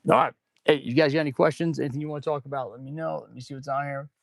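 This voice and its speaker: Gravelly, mouth-breathing man on a casual livestream. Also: medium pitch, steady tone, rapid-fire. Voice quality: stuffy, congested nose. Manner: audible heavy mouth breathing; rambling, informal, addresses viewers as "man" and "guys". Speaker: livestream host and auto shop mechanic. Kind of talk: casual livestream chat while working.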